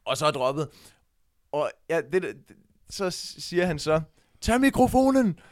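A young man, co-hosting a podcast and telling a story with excitement, acting out the shouts he quotes. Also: on the high side, no echo, studio quality. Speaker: podcast co-host. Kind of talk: casual chat.

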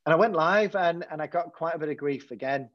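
A man's voice: on the high side, fairly quick, no echo. A man, a head teacher, speaking candidly in an interview, often restarting his sentences. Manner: hesitant, many repeated false starts. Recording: slightly dull, dry lo-fi sound.

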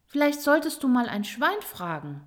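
A woman's voice: high voice, very animated, moderate pace, voice pushed up. A woman voicing a boastful, fibbing little mouse who talks glibly and evasively. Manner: glib, evasive chatter.

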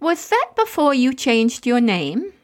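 Prim, polite female interviewer played by a woman, very animated intonation, scripted comic mock interview. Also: high voice, a little slow. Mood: inquisitive.

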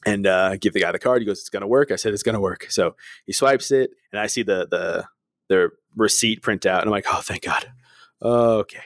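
Low-voiced man telling stories animatedly. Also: normal speed, dry recording, clean studio sound. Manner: animated storyteller, acts out voices, laughs often. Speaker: podcast co-host. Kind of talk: casual chat, storytelling.

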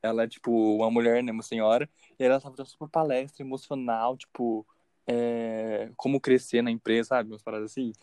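A young man with a Brazilian Portuguese accent chats casually and playfully as a podcast co-host, often breaking into laughs. His voice sits at an ordinary middle pitch and sounds dry and close, with no room around it. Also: little pitch movement, a little fast, darkish tone, clean tone, dry recording. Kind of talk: casual chat.

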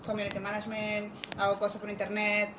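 A young woman in casual conversation, telling things about herself in an informal, animated way. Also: mid-range voice, a little fast. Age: young adult. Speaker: podcast guest. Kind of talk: casual chat. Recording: echoey room, clear background noise.

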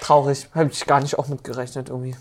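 A woman's voice: extremely low pitch, level tone, quick pace. A woman co-hosting a casual reaction podcast, giving her opinions and thinking aloud with fillers. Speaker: podcast co-host.

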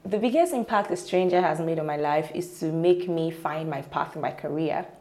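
A woman, a radio presenter guesting on a podcast, playful with quick comebacks. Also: low-pitched, mellow, echoey room. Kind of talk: casual podcast chat.

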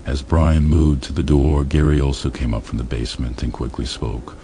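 A man reading a crude comedy story aloud in a deadpan, matter-of-fact way. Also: rumbling low, normal speed, a little hiss or hum. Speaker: audiobook narrator.

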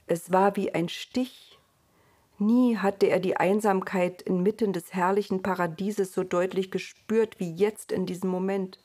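A woman reading a storybook aloud in a calm, unhurried way. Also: mid-range voice. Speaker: narrator.

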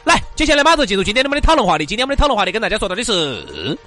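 A woman's voice: medium pitch, wildly swooping pitch, racing, sharp tone, soft background music. A woman with a Sichuan accent, co-hosting a show in casual comic banter. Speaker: co-host.

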